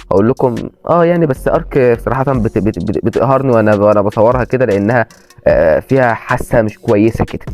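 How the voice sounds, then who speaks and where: A man with an Egyptian accent commentating his own gameplay and repeating excited exclamations. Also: mid-range voice. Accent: Egyptian Arabic. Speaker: gaming channel host.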